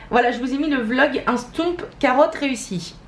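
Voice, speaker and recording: A young woman with a high-pitched voice speaks at a measured pace in a home vlog, chatting casually to camera with many fillers and laughs at her own expense. She's indoors, recorded on a camera mic that her partner holds.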